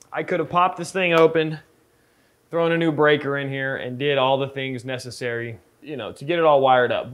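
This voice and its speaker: Congested, nasal man, fairly high voice. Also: a bit bright. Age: 30s. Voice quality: congested, stuffed-up nasal sound, as if pinching his nose. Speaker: screen printing shop owner and vlogger. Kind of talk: casual vlog talk to camera. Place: indoors in a screen printing workshop.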